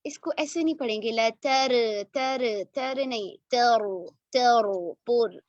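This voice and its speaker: A woman with a high voice teaches Quran recitation in an online lesson, modelling each word with long, unhurried care. Between drills she corrects pronunciation and praises quickly. The sound is dry and slightly muffled, like a call recording. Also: no echo. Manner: models verses slowly, corrects and praises briskly.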